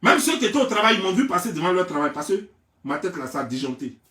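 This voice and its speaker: A young man from Côte d'Ivoire with an Ivorian French accent, ranting in a theatrical, mocking gossip vlog and often raising his voice to a shout. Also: high voice, sing-song, fast. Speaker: gossip vlogger. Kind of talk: mocking gossip rant to camera. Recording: roomy, mic at a distance.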